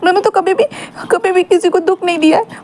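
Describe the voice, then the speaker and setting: Woman playing a heartbroken young man, sobbing, stammering, repeating words, very high voice. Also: fairly even intonation, brisk, warm tone, slight background noise, close to an everyday voice. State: crying.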